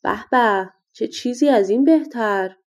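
A woman voicing a hungry, blustering male giant from a storybook, with loud booming exclamations. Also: lively intonation, vocal fry. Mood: pleased.

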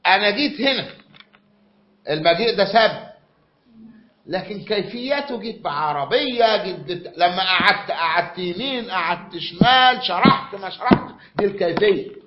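This Egyptian lecturer speaks at a moderate pace in a high, expressive voice, frequently going over the same points and testing his students. He is captured in a lecture room on a dull, lo-fi recording, his accent clearly Egyptian Arabic.

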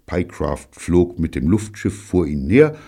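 A man narrates a children's audiobook in a very low, husky voice. His pitch rises and falls a lot, and his delivery stays dry and wry. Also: unhurried. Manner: dry, wry storytelling with lively voiced dialogue. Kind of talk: audiobook reading of a children's novel.

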